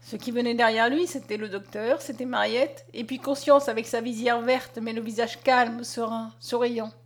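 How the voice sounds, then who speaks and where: A woman reads a classic story aloud, steady and measured. Her voice sits a little higher than most women's, and her pace is even. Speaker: audiobook reader. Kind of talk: storytelling narration.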